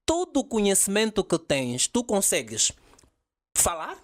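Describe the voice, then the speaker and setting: A man's voice: high-pitched, wildly swooping pitch, unhurried. A man, an English teacher explaining emphatically in a podcast interview and dropping in English example phrases.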